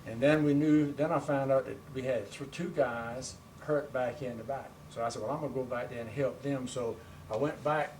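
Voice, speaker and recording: Old man, veteran remembering the war, plain-spoken, conversational, mid-pitched, noisy distant recording. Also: steady tone, normal speed, few pauses, a little mellow. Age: elderly. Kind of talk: recollecting wartime service in conversation. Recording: noisy room, distant microphone.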